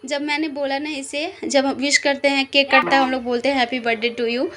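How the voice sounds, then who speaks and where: A woman's voice: high voice, little pitch movement, moderate pace, noisy background. A young woman, a mother, telling her vlog story in a chatty, rambling voice-over full of fillers, tired from a headache. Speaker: vlogger, mother. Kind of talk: casual voice-over narration.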